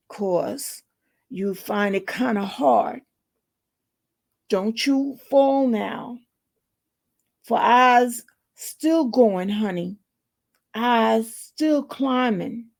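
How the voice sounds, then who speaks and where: A woman's voice: on the high side, gravelly, a little mellow, heavily acted. A woman reciting as a weary, determined mother. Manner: slow, earnest, partly whispered recital. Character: weary, determined mother urging her son on. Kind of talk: dramatic poetry reading.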